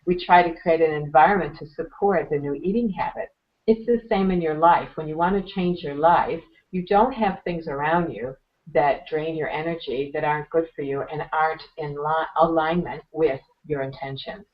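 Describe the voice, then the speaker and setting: A low-pitched woman whose voice is going hoarse speaks as a guest in an interview. She talks in an earnest, motivational way and clears her throat now and then. The recording is a little dull and muffled. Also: moderate pace. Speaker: interview guest, meditation teacher. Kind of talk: conversational advice-giving.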